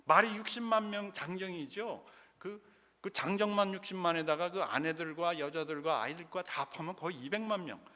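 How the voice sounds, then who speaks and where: Korean guy preaching, bit high pitched, keeps asking the church questions, echoey sanctuary. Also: moderate pace, sharp tone. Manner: emphatic, asks the congregation questions. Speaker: pastor. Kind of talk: sermon. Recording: long church reverb.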